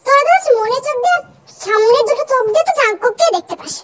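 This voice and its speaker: A hot-tempered young ex-girlfriend, played by a woman in a comic fan dub. Her very high voice throws out rude threats and insults. A faint hiss runs under it. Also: lively intonation, racing, fairly bright tone. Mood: furious.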